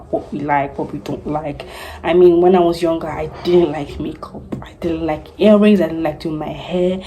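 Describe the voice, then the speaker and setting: A young Nigerian woman in her twenties, a news anchor, telling her career story in a chatty, animated vlog. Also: sits low, slight background noise, rough recording.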